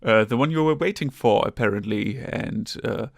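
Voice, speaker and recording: A young German man hosts a casual gaming podcast in a German accent, rambling with lots of fillers, self-corrections, restarts and casual swearing. His medium-pitched voice is creaky at a normal speed, recorded dry with studio quality.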